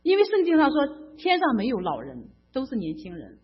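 A woman's voice: sits high, wildly swooping pitch, brisk, soft background music. A middle-aged woman from mainland China giving an emotional, fervent personal faith testimony, often stammering and repeating herself. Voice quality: husky. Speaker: church member giving testimony. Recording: dull lo-fi recording.

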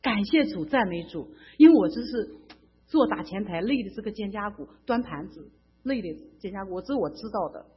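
A woman's voice: mid-range voice, animated, a little fast. A middle-aged woman from mainland China giving an emotional, fervent personal faith testimony, often stammering and repeating herself. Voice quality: husky. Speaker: church member giving testimony. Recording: dull lo-fi recording.

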